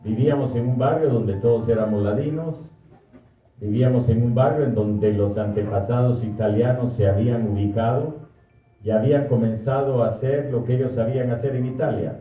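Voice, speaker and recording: An older man, a priest from Guatemala with a Guatemalan Spanish accent, giving a slow, thoughtful personal talk and often correcting himself. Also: medium pitch, faint music behind. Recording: distant, echoey, muffled hall recording.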